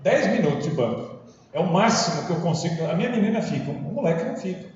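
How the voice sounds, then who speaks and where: High-voiced Brazilian man in an echoey hall. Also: big pitch swings, fast talker, darkish tone, slight background noise. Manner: humorous storytelling, acts out quoted voices. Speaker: teacher giving a parish lecture. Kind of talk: anecdotal talk to a parish group. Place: large parish hall. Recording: echoey hall, distant dull mic.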